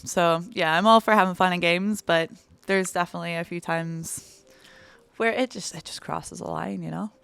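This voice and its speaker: Smooth-voiced woman bartender, enthusiastic. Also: fairly low pitch, fairly even intonation, normal speed, a bit bright. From Belgium. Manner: enthusiastic, lingers on descriptive words. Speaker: bartender guest. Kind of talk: casual podcast interview.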